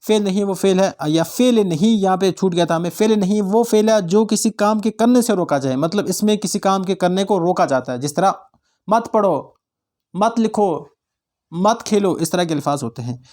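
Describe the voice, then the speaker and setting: A man's voice: high-pitched, a little fast, hardly any pauses, dark tone. A man teaching an exam-prep grammar lesson, often asking students check questions and repeating definitions for them to memorize. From Jammu and Kashmir. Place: online class channel.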